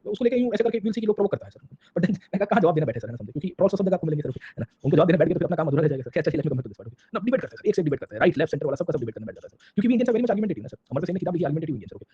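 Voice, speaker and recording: A man's voice: on the high side, warm tone, slightly rough. A man teaching a casual online history lecture in speech, constantly checking in with "sir, samjhe?". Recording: dull lo-fi sound.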